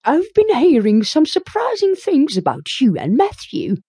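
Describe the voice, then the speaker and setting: A woman voicing a blunt, high gossipy neighbor lady. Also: huge pitch swings, measured pace, mellow, dry recording, studio quality, heavily acted. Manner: outspoken, emphatic, disapproving. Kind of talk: audiobook character reading.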